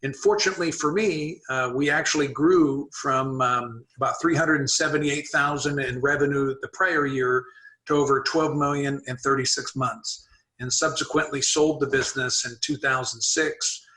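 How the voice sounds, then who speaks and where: Bright-voiced middle-aged business consultant. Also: male voice, mid-range voice, moderate pace, rough recording. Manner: relaxed, many fillers and restarts. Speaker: business consultant, webinar host. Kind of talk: casual webinar conversation.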